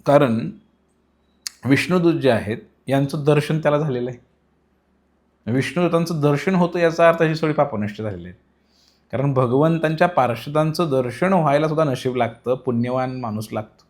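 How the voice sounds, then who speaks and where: A man giving a devotional sermon in a storytelling style. He explains patiently and rises in pitch and volume for emphasis. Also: normal speed, a little mellow. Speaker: devotional preacher.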